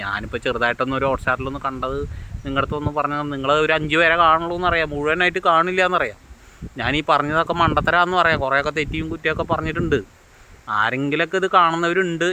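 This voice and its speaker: Fast-talking man recapping a serial. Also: on the high side, sharp tone, a little hiss or hum. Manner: rapid, rambling retelling with frequent restarts. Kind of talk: casual episode recap. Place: outdoors beside a road. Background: passing vehicles.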